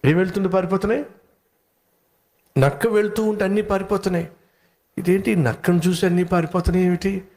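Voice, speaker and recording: A man preaching a sermon, telling an animal story in an animated way and putting questions to his listeners. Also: high voice, fairly quick, pauses often.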